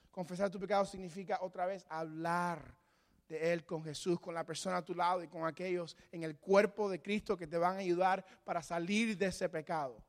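A man preaching a sermon as pastor, dynamic and acting out voices of imagined people. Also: high-pitched. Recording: long hall reverb.

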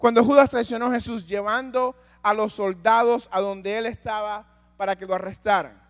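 A man with a high voice preaches a sermon. He fires rhetorical questions at the congregation and drops from loud urging to a near hush. His words ring out with a long reverb, as in a big hall. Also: fairly even intonation, moderate pace.

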